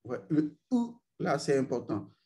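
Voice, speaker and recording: Man slowly intoning ritual vowel sounds. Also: on the high side, big pitch swings, dark tone. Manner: slow and deliberate, intoning drawn-out vowel sounds; addresses learners directly, repeats "vous voyez". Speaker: spiritual teacher. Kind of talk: esoteric ritual instruction.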